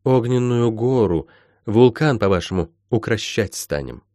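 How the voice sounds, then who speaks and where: A man's voice: fairly low pitch, animated, a little slow, warm tone, dry recording, clean studio sound. A man voicing a stern middle-aged woman healer who talks in old-fashioned folksy speech, in an audiobook. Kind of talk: audiobook character voice.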